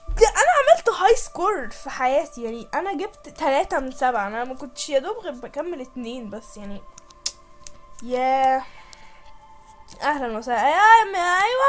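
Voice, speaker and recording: A woman with an Egyptian Arabic accent doing let's play commentary on a horror game, jumpy and panicky, shrieking and giggling when startled. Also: high-pitched. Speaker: gamer playing a horror game. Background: game music.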